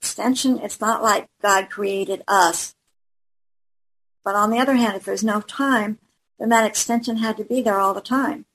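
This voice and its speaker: Female participant, thinking out loud, husky breathy voice. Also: medium pitch, steady tone, normal speed, poor audio. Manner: thoughtful, searching. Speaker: study group participant. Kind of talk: casual discussion.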